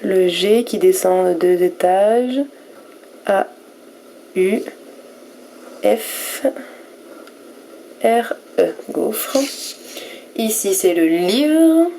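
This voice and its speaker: A woman teacher giving a recorded reading lesson to young pupils, sounding out each letter and syllable slowly and with care. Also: mid-range voice, animated, mellow, a little hiss or hum. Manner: slow and careful, spelling out letters and syllables one by one. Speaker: primary school teacher.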